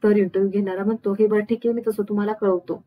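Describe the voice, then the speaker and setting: Woman retelling a serial, flat delivery. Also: mid-range voice, rapid-fire, dry recording, phone-quality sound. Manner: even, steady retelling, reads characters' lines without distinct voices. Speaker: narrator recapping a TV serial episode. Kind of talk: storytelling recap with quoted dialogue.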